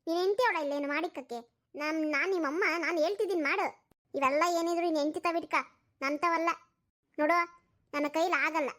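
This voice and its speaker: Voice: very high voice, a bit bright. A woman doing a bossy, mocking old mother. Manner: scolding, mocking. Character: sharp-tongued old mother, bossy mother-in-law. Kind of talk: cartoon voice acting.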